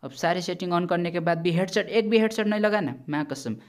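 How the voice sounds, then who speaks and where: A man's voice: sits high, fairly quick. Chatty man narrating gameplay. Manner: chatty, repeatedly addresses viewers as brother; blunt, warning, swears casually. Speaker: gaming YouTuber. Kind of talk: casual gameplay commentary.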